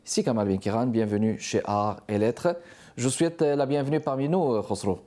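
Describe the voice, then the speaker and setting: A man's voice: medium pitch, normal speed, warm tone. A man hosting a TV arts interview, giving formal introductions with occasional fillers. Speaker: TV show host.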